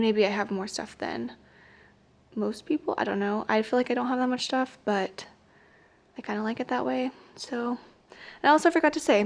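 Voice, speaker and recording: A young woman teacher chats her way through a classroom tour, rambling and full of filler words as she walks the room with her camera. Her voice sits a little high with a gravelly fry at the ends of phrases, and she sounds slightly out of breath from moving around. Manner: chatty, rambling, many "like" fillers. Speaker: teacher and vlogger. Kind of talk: casual classroom tour vlog. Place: classroom, indoors.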